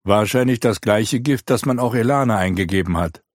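A man's voice: lowish voice, brisk, no echo, studio quality, pitched above the performer's own voice, natural voice. Sperber, a man voicing a resolute knight. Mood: earnest. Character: resolute male knight hero. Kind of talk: audiobook character reading.

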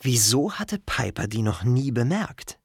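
An audiobook narrator reads slowly and steadily, with a lively melody that rises and falls through each sentence. The voice sits dry and close to the microphone, with no room sound. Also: mid-range voice, gravelly, slightly rough, dry recording. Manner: measured, storytelling. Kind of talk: scripted narration.

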